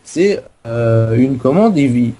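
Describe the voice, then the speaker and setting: A man's voice: mid-range voice, expressive, slow pace, dark tone. A man co-hosting a casual gameplay video, explaining a game server in a rambling, self-mocking way. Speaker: co-host giving a game server tour.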